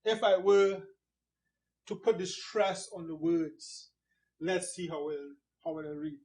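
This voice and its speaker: A man with a high-pitched voice teaches poetry at an unhurried pace. He explains patiently and leans hard on single syllables to show where the stress falls. He marks up a board as he goes. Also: darkish tone, rough recording. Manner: annotates a board or screen as he talks.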